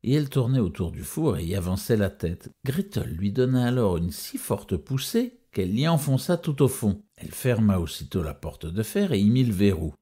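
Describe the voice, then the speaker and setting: A man telling a fairy tale as a storyteller. His voice is very low, dark and husky. His intonation rises and falls widely. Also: expressive, normal speed, few pauses.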